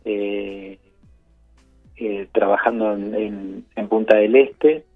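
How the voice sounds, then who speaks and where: A man with a Buenos Aires accent, a chef guest telling his story over the phone in an unhurried, reflective way. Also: lowish voice, fairly even intonation. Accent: Buenos Aires Spanish. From Argentina, Buenos Aires. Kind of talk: phone interview. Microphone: phone line. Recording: tinny phone line with faint music.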